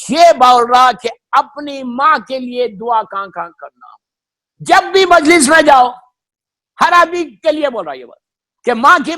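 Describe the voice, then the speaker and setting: A man preaching a fervent sermon, repeating his points, slipping into English phrases and often rising to shouts. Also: very high voice. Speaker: Shia cleric giving a memorial majlis. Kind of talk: impassioned sermon.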